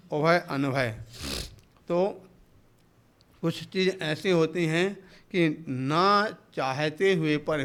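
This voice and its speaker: Monk guy preaching into a mic, high voice, acts out little dialogues. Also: a bit bright. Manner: explanatory, asks rhetorical questions; acts out short everyday dialogues. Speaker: Jain monk giving a discourse. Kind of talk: sermon. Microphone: speaking into a hall microphone.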